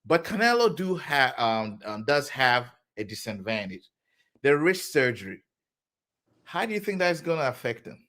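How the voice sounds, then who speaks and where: A man hosting a boxing talk show, asking questions in a lively, teasing, conversational way. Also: medium pitch, normal speed. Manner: lively, laughs and teases the guest. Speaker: show host. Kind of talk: casual interview.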